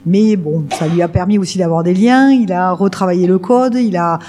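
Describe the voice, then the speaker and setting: As a radio interview guest, a middle-aged woman who directs a work-integration garden explains what her organisation does, often hesitating and starting over. She speaks at a moderate pace in a lowish voice with a dark tone.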